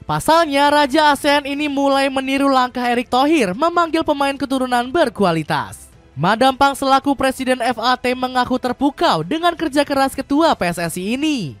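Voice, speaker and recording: This is a female voice-over of scripted football news, read aloud steadily with pitch falling at sentence endings. There is no room sound.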